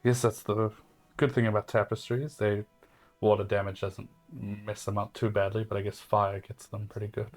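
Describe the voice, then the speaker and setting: Over soft background music, a man with a fairly low, level voice speaks at normal speed as his tabletop role-play character. His delivery meanders and hesitates, filled with fillers.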